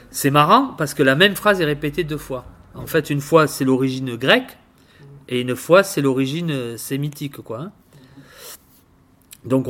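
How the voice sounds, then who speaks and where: A man giving informal Bible teaching, halting and repeating words, often asking his listeners questions. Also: fairly high pitch, fairly bright tone. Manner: halting, repeats words, tags phrases with "hein"; addresses listeners directly with questions. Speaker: preacher.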